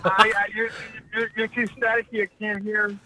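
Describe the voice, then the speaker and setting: Male caller, high voice, halting delivery; crackly phone-line sound, distant. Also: little pitch movement, over a noisy crowd. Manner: halting, stammering, can't hear the hosts. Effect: crackly, staticky phone line. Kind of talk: call-in on a casual podcast.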